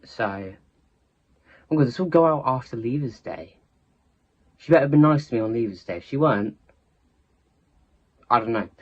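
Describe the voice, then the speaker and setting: Teen lad yapping through a story, keeps restarting sentences, kinda dull lo-fi sound. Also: male voice, medium pitch, lively intonation, moderate pace, pauses often. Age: teens. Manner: rambling, self-interrupting, chatty. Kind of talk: casual storytime chat.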